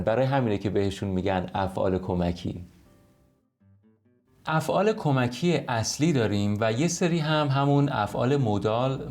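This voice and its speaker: A man teaching an online English lesson in Persian. He explains clearly and reads the English example sentences slowly and carefully. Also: mid-range voice, a little mellow. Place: home recording.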